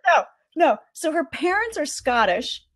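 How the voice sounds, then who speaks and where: A woman's voice: high voice, measured pace. Chatty woman recapping conference talks. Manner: chatty and animated, with frequent fillers and laughs. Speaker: guest reporting on a marketing conference. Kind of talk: casual podcast chat.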